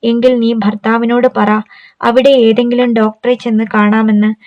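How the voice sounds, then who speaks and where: A woman's voice: fairly high pitch, flat delivery, moderate pace, dry recording, highs cut off, natural voice. A woman voicing a tender, worried older mother who speaks anxiously.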